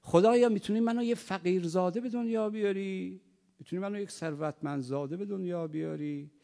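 Guy preaching a sermon, gravelly voice, goes quiet then shouts, long hall echo. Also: high-pitched. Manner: swings from quiet talk to loud impassioned cries.

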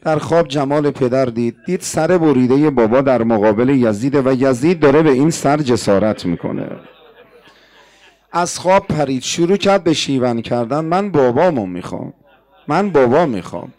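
A man's voice: mid-range voice, a little mellow. A male preacher narrating a mourning sermon with emotion, addressing the audience directly.

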